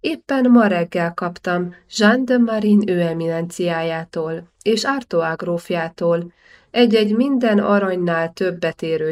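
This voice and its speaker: A woman reading the lines of a shrewd, calculating older male banker in an audiobook, smooth and persuasive. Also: fairly low pitch, darkish tone, close to an everyday voice.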